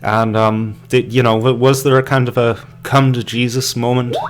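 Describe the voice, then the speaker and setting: Faint music plays behind this Irish podcast host, whose medium-pitched delivery is flat and moderately paced. He rambles through casual live-stream chatter, stumbling over fillers and restarts while sipping beer.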